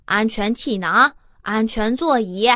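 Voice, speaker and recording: A high, dry, close voice plays a cheeky child acted by a woman in a children's story. The kid sounds eager and sure, always ready with a challenge. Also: takes it slowly, sharp tone, no room sound. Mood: proud. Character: eager, cheeky, confident child who loves cars.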